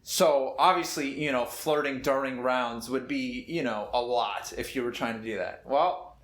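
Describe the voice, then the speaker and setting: A man's voice: mid-range voice, normal speed, fairly bright tone. A man in his twenties, a medical student from Minnesota, telling a long story in a casual, rambling way with lots of fillers. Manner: laid-back, rambling with many fillers and laughs. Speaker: medical student, podcast co-host. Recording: echoey room.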